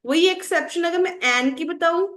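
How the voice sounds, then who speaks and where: High-voiced woman teacher, echoey room. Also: normal speed, a bit bright. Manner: asks the class questions and answers them herself; addresses students as children. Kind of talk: explaining English grammar to students. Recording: roomy echo.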